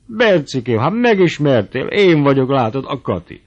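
A man's voice: mid-range voice, sing-song, lo-fi sound, pitched above the performer's own voice. A man voicing a gushing, gossipy old woman, talking sweetly and effusively, in a storybook reading. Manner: sugary, effusive.

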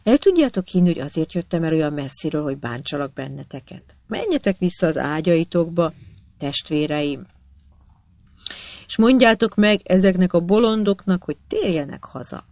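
An earnest young woman doctor, put on by a storyteller, pleads with her patients. Her voice sits in a middling range and sounds dry and close. She talks with steady, insistent devotion. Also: mid-range voice, dry recording, natural voice. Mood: pleading. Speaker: hospital doctor.

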